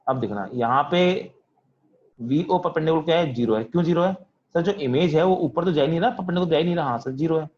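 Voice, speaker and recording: Teaching physics online via video call, a man asks questions, answers them in a student's voice, and calls on students by name. He talks a little fast in a slightly high, darkish voice, and the lo-fi sound has slight background noise.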